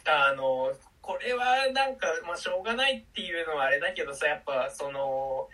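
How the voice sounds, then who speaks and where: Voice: mid-range voice, lively intonation, brisk, pushed and bright, distant mic, poor audio. A podcast co-host in casual chat, talking hesitantly with trailing phrases and fillers.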